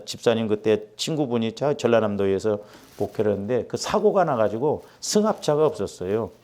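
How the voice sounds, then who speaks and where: A middle-aged man preaching as a pastor, telling a personal story and acting out the quotes. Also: medium pitch. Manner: animated, acts out quotes with rising intensity. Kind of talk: sermon with storytelling.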